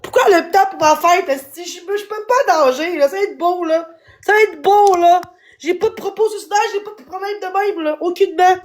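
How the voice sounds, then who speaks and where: A woman with a Québécois accent, hoarse and worn out, venting on a live stream in an agitated, pleading way that keeps repeating itself. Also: very high-pitched, a little fast. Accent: Québécois French. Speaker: livestreamer.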